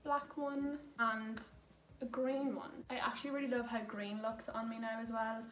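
A woman's voice: fairly high pitch, flat delivery, normal speed, a bit bright, distant mic. A young woman chatting casually through a clothing try-on haul, full of "like" fillers. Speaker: fashion vlogger. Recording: roomy echo, voice away from mic, faint noise.

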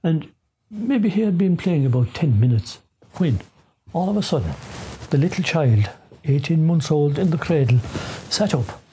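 A man in his sixties with a rural western Irish accent tells folklore in a lilting, dramatic way, with deliberate pauses and repetitions. His voice is husky. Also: a little high, animated, warm tone, slight background noise, low-quality recording. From Ireland. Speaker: storyteller of folklore. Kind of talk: traditional oral storytelling. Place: small living room, seated in armchair.

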